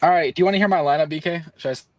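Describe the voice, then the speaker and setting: A man's voice: a little high, rapid-fire. A man joining a live stream as a co-host, teasing the host and sharing his picks while he works. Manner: teasing, talks while working. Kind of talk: casual live-stream chat.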